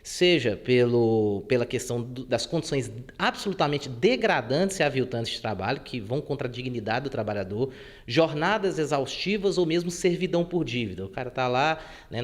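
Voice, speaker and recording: A man from Brazil, a labor court judge, answering interview questions in a measured way with frequent filler words. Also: medium pitch.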